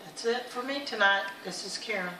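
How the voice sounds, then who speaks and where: A woman's voice: medium pitch, a little fast, distant mic, noisy background. A middle-aged woman vlogging, telling stories and giving earnest motivational talk in a chatty way. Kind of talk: casual motivational vlog. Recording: echoey room, a bit off-mic.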